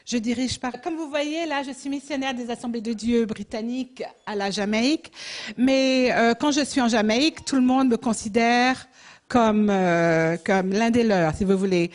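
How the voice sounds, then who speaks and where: A French woman in her sixties, whose accent carries a faint Jamaican tinge, speaks to a church congregation as a missionary. Her voice sits somewhat high, and she talks hesitantly, restarting phrases as she searches for words. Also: moderate pace. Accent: French with a slight Jamaican tinge.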